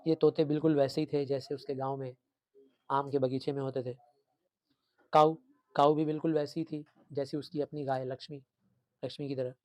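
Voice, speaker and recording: A male teacher retelling and explaining a story for students, animated and repetitive, switching between two languages. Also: mid-range voice, moderate pace, long pauses, no room sound. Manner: animated storytelling, code-switching, repeating for emphasis.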